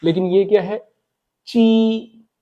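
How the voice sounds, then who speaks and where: A man explaining Chinese pronunciation in a casual spoken lesson, repeating words slowly. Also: on the high side, steady tone, lo-fi sound. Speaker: Chinese language teacher.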